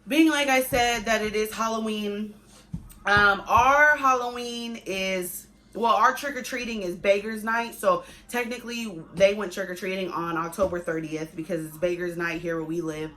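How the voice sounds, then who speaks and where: A woman's voice: mid-range voice, moderate pace, sharp tone, low-quality recording. A young adult woman vlogging as a mother, chatting casually and conversationally to viewers, repeating herself for emphasis. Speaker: family vlogger, pregnant mother. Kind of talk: casual chat to viewers, pregnancy update.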